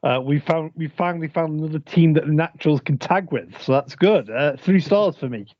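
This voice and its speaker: A man's voice: fairly high pitch, brisk, dry recording, highs cut off. A man guesting on a casual podcast chat, with enthusiastic quips.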